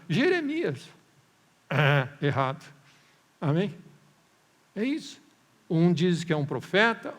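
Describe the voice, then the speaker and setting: Pastor, male, slightly high and gravelly, animated sermon delivery, long church-hall reverb. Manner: animated preaching, rhetorical questions, mimics doubters. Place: church service.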